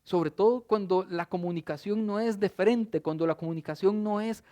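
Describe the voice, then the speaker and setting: High-voiced expressive male pastor. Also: moderate pace. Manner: expressive, animated preaching with rhetorical questions to the congregation. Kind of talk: sermon.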